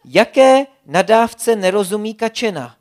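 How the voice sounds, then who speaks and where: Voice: mid-range voice, lively intonation, a little mellow, voice pushed up, natural voice. A storyteller voicing a playful female otter who keeps telling jokes and giggling at them, in a children's storybook reading. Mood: giddy. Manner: giggly, eager joke-teller.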